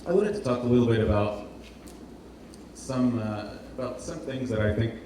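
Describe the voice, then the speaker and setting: In a live hall recording that is roomy, distant and noisy, a man from Portugal presents informally as a designer. His voice sits at a medium pitch and moves at a moderate pace, though he speaks hesitantly, repeating words as he hunts for the right phrasing. The indoor event space carries heavy echo.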